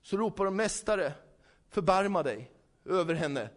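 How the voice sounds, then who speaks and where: A man preaching a sermon in a lively, conversational way, asking his listeners frequent questions and acting out the dialogue he retells. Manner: acts out quoted dialogue, dropping low and soft for asides.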